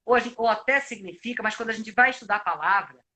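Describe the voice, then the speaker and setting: On a live video call, a Brazilian actor and coach gives advice, explaining at length and reflectively with frequent restarts, in a Brazilian Portuguese accent. His voice is high-pitched, bright and forceful, and he talks quickly.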